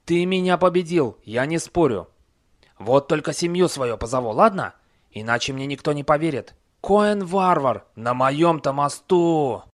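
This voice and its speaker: A man voicing a slow-witted male troll in an audiobook, rambling and excitable. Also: fairly high pitch, voice pushed up. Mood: excited. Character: dim-witted male stone troll guarding a bridge.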